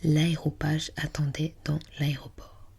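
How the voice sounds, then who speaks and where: A woman whispering breathily as in a library, reading aloud for ASMR in a hushed, unhurried, musing way. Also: low-pitched, little pitch movement, vocal fry, a little hiss or hum. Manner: hushed, unhurried, murmuring to self while reading. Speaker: ASMR host.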